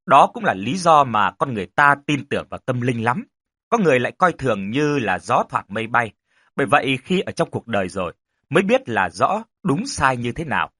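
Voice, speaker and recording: A man playing a gruff old rural spirit-expert. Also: medium pitch, very animated, fairly quick, sharp tone, no echo, studio quality, full character voice. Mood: grave. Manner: gruff, commanding, grave.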